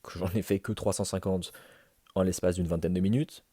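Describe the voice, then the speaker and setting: A man's voice: low-pitched, fairly even intonation, moderate pace, warm tone, breathy edge, no echo, studio quality. A man giving a casual, conversational voice-over recap as a fitness challenge vlogger. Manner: informal, conversational, addressing himself and viewers.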